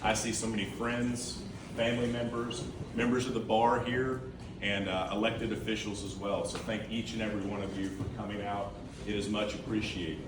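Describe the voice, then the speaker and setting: Speaking as campaign treasurer, a man delivers an earnest speech to a crowd in a large indoor room, repeating key words for emphasis. His voice is lowish and flat, at a moderate pace, with background noise. A distant room microphone picks him up, so the sound is echoey.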